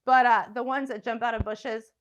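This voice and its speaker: A woman's voice: a little high, steady tone, normal speed, clear, resonant tone, highs cut off. A young woman stand-up comic ranting profanely and sardonically, practicing her set into a phone at home. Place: room at home.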